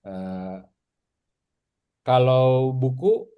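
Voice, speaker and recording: A man from Indonesia teaching a casual Arabic lesson, patiently repeating words slowly for his students. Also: medium pitch, smooth, narrow, tinny audio.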